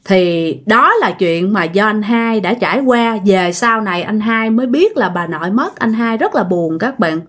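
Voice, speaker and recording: A woman's voice: mid-range voice, expressive, normal speed, hardly any pauses. A woman, casually retelling a ghost story in a conversational way, with trailing fillers at the ends of her phrases.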